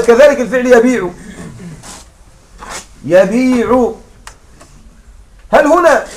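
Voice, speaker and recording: A man with a high voice teaches a grammar lesson, patiently walking through each point and asking if the class is following. He sounds set back from the microphone, with a faint hiss under the voice. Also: far from the mic. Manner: patient, checks understanding with repeated questions.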